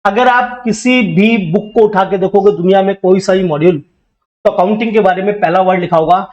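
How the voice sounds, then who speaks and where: Male teacher, high voice, teasing call-and-response classroom lecture, dull recording. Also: steady tone, brisk. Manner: drills students with repeated questions and call-and-response; teasing, scolding banter with the class. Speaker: accounting teacher.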